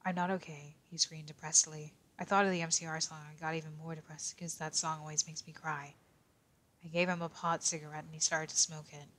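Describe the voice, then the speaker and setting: A woman plays a quiet, reserved teenage boy detective, reading a silly fanfic aloud in character. She keeps his voice low, level, and nearly monotone for a deadpan effect, moving fairly quickly and stumbling over odd words.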